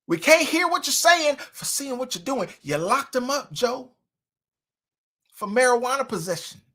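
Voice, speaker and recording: A man hosting a livestream commentary, mocking and preachy, with loud swings in volume. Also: very high voice, sing-song, measured pace, pauses often. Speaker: commentary host.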